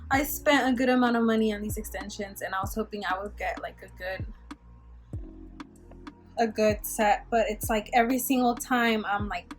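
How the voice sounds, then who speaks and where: A woman's voice: medium pitch, normal speed, faint music behind. A young woman vlogger doing a casual product review, chatty and frustrated, fills her talk with "like" and swears when annoyed. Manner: frustrated and irritated. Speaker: beauty vlogger.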